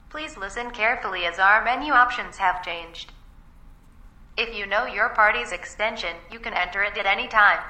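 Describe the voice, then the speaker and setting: A woman voices an automated female phone menu in a radio drama, giving flat, polite recorded prompts. Her bright, crisp tone sounds distant. A roomy echo surrounds it. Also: fairly high pitch.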